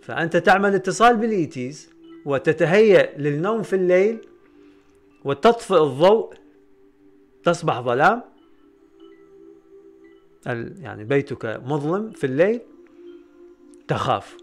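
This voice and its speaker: A man giving a spiritual lecture, repeating phrases again and again and swinging from loud raised bursts down to low murmurs. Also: lively intonation, moderate pace, pauses often, soft background music. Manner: repetitive, chanting phrases over and over. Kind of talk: metaphysics lecture to a camera.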